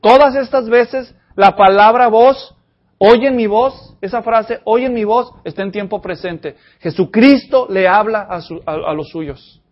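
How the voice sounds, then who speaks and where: A man preaching an expository sermon, addressing the congregation directly with animated energy. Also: sits high, a little slow, muffled recording. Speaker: pastor.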